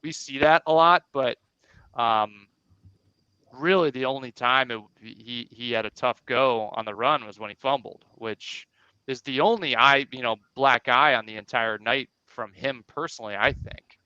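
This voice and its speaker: A man co-hosting a sports podcast, giving quick, energetic game analysis in casual chat. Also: mid-range voice, clean tone, no echo. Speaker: podcast co-host. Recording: dull lo-fi sound.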